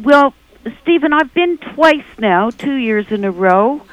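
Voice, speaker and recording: A woman from Canada, a travel writer guest on a radio show, talks in a bubbly, enthusiastic way. Her voice is smooth and clear. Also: high voice, animated, slow, rough recording. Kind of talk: radio interview.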